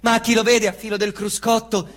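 A middle-aged man delivers a theatrical stage monologue in Roman dialect, fairly quickly and in a high-pitched voice. He alternates between quiet muttering and loud, excited bursts, mimicking engine sounds along the way, and the recording has a big-room sound.

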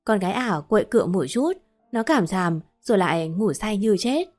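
A woman narrating a ghost story in a steady storytelling voice. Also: mid-range voice, normal speed, soft background music.

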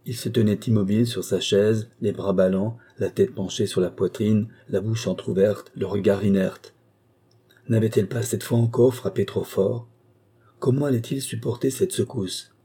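Male audiobook narrator, measured literary delivery, low pitch, very dark husky timbre. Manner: measured, even literary reading. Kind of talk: scripted narration.

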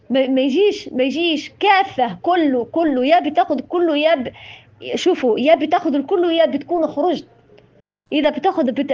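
A Tunisian-accented woman gives an informal religious talk in a high, quick voice. She is impassioned and scolding, and she keeps repeating her words. The recording is dull and lo-fi. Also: a little mellow. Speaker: religious speaker.

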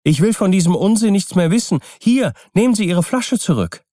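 An excitable young man, voiced by a male audiobook reader, his voice pushed high and urgent. He sounds jumpy and quick to alarm, on a dry, close recording. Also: no room sound. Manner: raised, urgent, excitable delivery. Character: young man, wary then alarmed by a magic bottle. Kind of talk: audiobook character voice.

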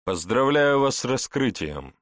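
A man voicing a coarse, mocking male police investigator who talks in gruff slang, in an audiobook. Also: lowish voice, big pitch swings, a little slow, fairly bright tone, no room sound, studio quality, voice pushed up. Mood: scornful.

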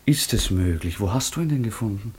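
An actor playing an impulsive young nobleman in a radio drama, speaking low, earnest and quietly intense. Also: lively intonation, brisk, slightly rough. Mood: tender. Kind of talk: studio radio drama acting.

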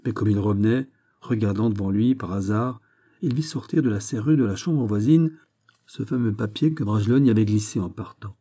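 Dark-voiced male audiobook narrator. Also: slightly rough. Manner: measured, low-key storytelling.

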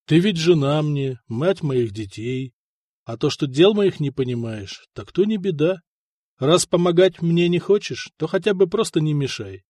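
A man reading the part of a calm, guarded medieval prince who speaks levelly and firmly. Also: fairly high pitch, a little slow, no room sound. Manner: level and firm, turning sharp.

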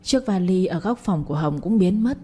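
A woman narrates a scripted story in a steady, plain way. Her voice is low and husky, with a mellow, dark tone. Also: normal speed.

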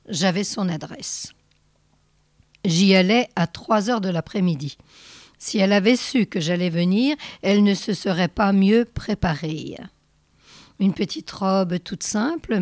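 Slow, measured woman reading a story. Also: medium pitch, a little mellow, dry recording, clean studio sound. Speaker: reader of a short story. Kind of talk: read-aloud literary narration.

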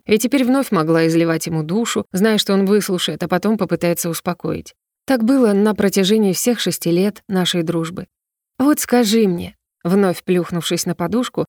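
A young woman narrating a first-person fantasy romance audiobook with an even, steady reading. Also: on the low side, no room sound, studio quality.

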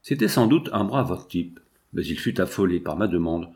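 A man reading a novel aloud as an audiobook, in steady, measured narration. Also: deep voice. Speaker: audiobook reader. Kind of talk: literary narration.

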